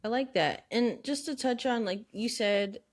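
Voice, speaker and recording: A woman podcast host who asks the author questions in a curious, measured way. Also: fairly high pitch.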